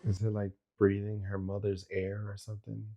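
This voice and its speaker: A man's voice: on the low side, monotone, moderate pace, muffled recording, music in the background. Man musing through a reaction chat. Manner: musing, questioning. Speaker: reaction show co-host. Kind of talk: casual reaction commentary.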